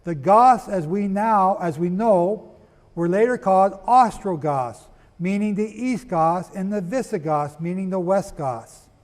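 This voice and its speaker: A man giving a sermon-style history lecture, firing rhetorical questions at his listeners, spelling out names and rushing to get through it. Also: high-pitched, darkish tone, big-room sound. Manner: asks the audience rhetorical questions; rushes, apologizes for talking fast. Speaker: preacher.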